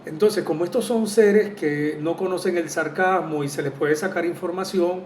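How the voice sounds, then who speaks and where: A man speaking as a spiritual therapist in a casual monologue, earnest and reflective, often pausing on "eh". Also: a little mellow. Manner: earnest and reflective, with frequent "eh" hesitations. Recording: roomy echo from a distant mic, faint rumble.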